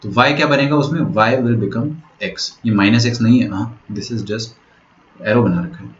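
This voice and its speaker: In this online lecture, a patient man teaching maths breaks things down one step at a time, pausing frequently to see if students are keeping up. He speaks at a moderate pace with a medium pitch, captured as roomy, muffled lo-fi audio.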